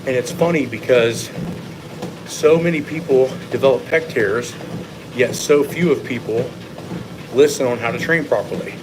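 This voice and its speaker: With a treadmill humming steadily behind him, a man hosts a fitness Q&A on a livestream, walking as he casually coaches, explains and offers opinions to viewers. He has a medium-pitched voice and speaks at a moderate pace, and the recording is clear.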